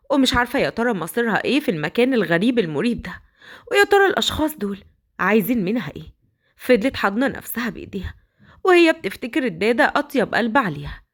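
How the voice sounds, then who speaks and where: A woman with an Egyptian accent narrating a dramatic story in an expressive way. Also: fairly high pitch. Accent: Egyptian Arabic.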